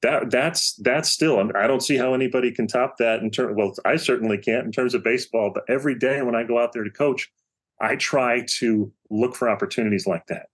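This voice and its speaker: Speaking briskly at medium pitch with a breathy edge, this middle-aged man is a baseball coach guesting on a podcast. In the casual interview he tells a story in an animated way, acting out each quote.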